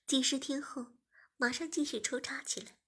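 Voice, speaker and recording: A woman narrating a story in a soft, often half-whispered voice. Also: sits high, steady tone, moderate pace. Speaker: story reader. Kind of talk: scripted narration.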